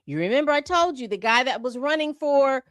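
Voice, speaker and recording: High-voiced woman commenting on a news report. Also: expressive, fairly quick, fairly bright tone, dry recording. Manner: reads documents aloud then comments with exasperated asides. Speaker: commentary channel host. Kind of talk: casual commentary reading reports.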